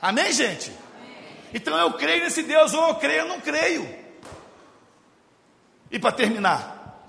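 A man with a Brazilian accent preaching a humorous sermon as a pastor, telling stories and moving between loud, animated stretches and quiet, intimate ones. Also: extremely high pitch, slow pace, creaky, long pauses. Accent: Brazilian Portuguese. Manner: storytelling, jokes with the congregation, shifts from loud to hushed. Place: church hall. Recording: echoey church hall.

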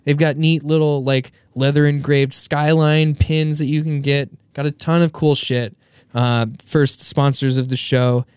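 A relaxed man hosts a casual podcast, joking with his guests and often pausing on filler words. His voice is smooth and resonant. The sound is dry and close to the mic. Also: on the high side, no room sound. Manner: joking, laid-back, uses filler words. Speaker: podcast host. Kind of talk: casual chat.

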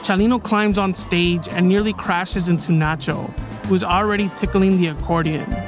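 A man's voice: high voice, steady tone, moderate pace. A man hosting a podcast, telling a true story in scripted documentary narration. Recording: music bed behind the voice.

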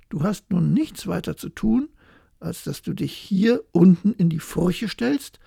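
A reader doing a gruff, bossy hedgehog. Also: mid-range voice, mellow, dry recording, studio quality, full character voice. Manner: gruff, commanding. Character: sly, bossy male hedgehog.

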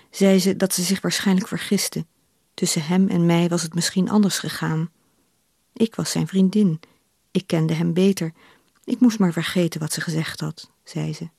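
A woman reading her novel aloud on radio in a measured, unhurried way, recorded in a studio on a close microphone. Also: on the low side, vocal fry, mellow, breathy edge, no echo.

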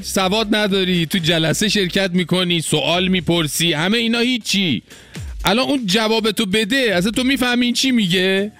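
A man's voice: high-pitched, fairly bright tone. A man hosting a show with mocking satirical commentary in a colloquial, sarcastic manner. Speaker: host.

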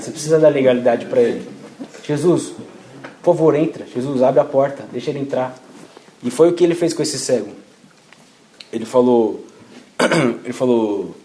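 Speaking in a dark, medium-pitched voice, a young man preaches an informal sermon full of slang, dramatizing quoted prayers. The recording has an echoey room sound and faint ambient noise.

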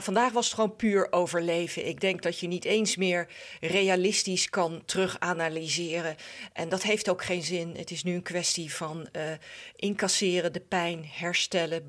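A woman who is a former professional tennis player, giving frank, opinionated match analysis with frequent hesitation fillers. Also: on the low side. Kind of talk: studio sports analysis.

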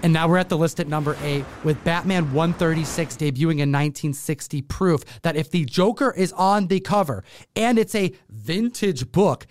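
A man's voice: a little high, moderate pace, darkish tone, no room sound. A man co-hosting a top ten countdown show, presenting in a slangy, hyped-up way. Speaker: co-host of comic book countdown show.

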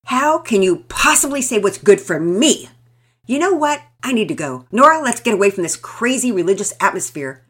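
A woman voicing an angry, hostile neighbor woman who shouts in indignation. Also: mid-range voice, very animated, moderate pace, husky, pitched above the performer's own voice. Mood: furious.

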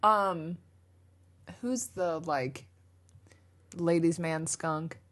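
Woman cohost, kinda low voice, playful jokey asides, chill podcast banter. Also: drawn-out words. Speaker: podcast co-host. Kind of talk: casual chat.

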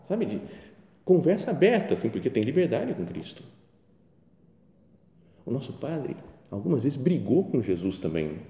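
A man's voice: mid-range voice, normal speed, long pauses. A man with a Brazilian Portuguese accent gives a conversational sermon meditation, talking colloquially and acting out quoted prayers. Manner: colloquial, acts out quoted prayers with lively voices. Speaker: preacher. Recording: echoey hall with long reverb.

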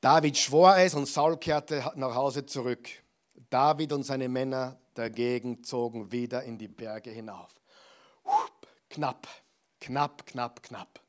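Ein Mann, der eine Predigt hält, im Gesprächston, der die Zuhörer direkt anspricht und manchmal leise wird. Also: male voice, medium pitch, fairly even intonation, unhurried. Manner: conversational, addresses listener directly, drops to soft asides. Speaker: preacher. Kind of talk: sermon.

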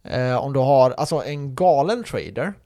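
A man's voice: medium pitch, sing-song, dark tone, dry recording, studio quality. A young man, co-hosting a podcast in casual chat, explaining at length with emphasis and casual swearing. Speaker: podcast co-host.

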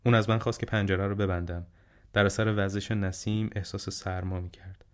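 Male audiobook narrator, lowish voice. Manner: steady, measured storytelling.

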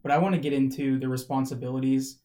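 A man's voice: medium pitch, fairly even intonation, fast talker, warm tone. A man co-hosting a podcast, talking casually and rambling with many fillers and restarts. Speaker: podcast co-host. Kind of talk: casual chat.

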